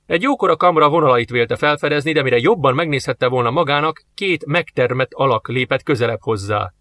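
A man narrating an audiobook with steady storytelling. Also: medium pitch. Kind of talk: scripted narration.

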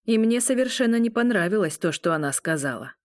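A woman's voice: medium pitch, expressive, brisk, no echo, clean studio sound, pitched above the performer's own voice, natural voice. A woman voicing a stern, tight-lipped older man who is the pack's Alpha and speaks in clipped replies. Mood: curt. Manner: curt, clipped.

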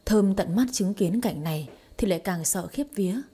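A woman reading a romance story aloud in an even, smooth storytelling manner. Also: mid-range voice, normal speed. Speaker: story narrator. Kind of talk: scripted narration of a romance story.

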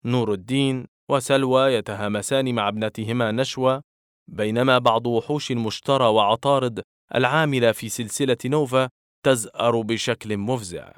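A man reads a story aloud in an even, expressive narrating voice. His pitch sits in the middle range. The sound is close and dry, with no room around it. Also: a little fast, clean tone, no room sound.

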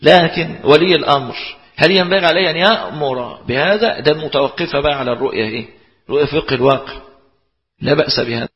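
Lecturing to explain a text, an Egyptian-accented man speaks fast with a fairly high pitch. He raises rhetorical questions and answers them himself, and the lo-fi recording was made in an echoing hall.

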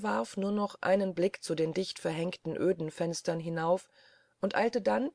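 Low-voiced woman reading a classic story. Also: gravelly, mellow, no echo. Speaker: audiobook reader. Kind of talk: scripted narration.

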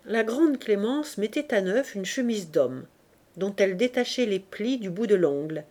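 A woman reading a novel aloud in a measured, even narration. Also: mid-range voice. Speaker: audiobook reader.

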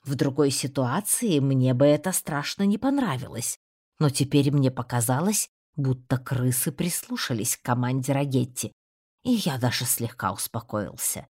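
A woman narrating an audiobook in a steady, even storytelling manner. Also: extremely low pitch, moderate pace, breathy edge. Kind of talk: scripted narration.

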